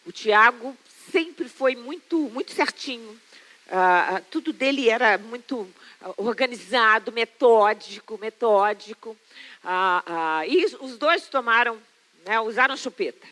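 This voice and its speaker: Bright high-voiced Brazilian woman preaching. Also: animated, a little slow. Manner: emphatic, repeats phrases for stress. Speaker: pastor. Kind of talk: sermon with personal storytelling.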